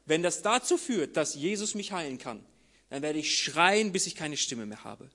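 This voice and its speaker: A man's voice: on the high side, lively intonation, normal speed, pushed and bright, exaggerated voice. A man voicing a desperate blind beggar man, pleading urgently for healing within a sermon. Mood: determined.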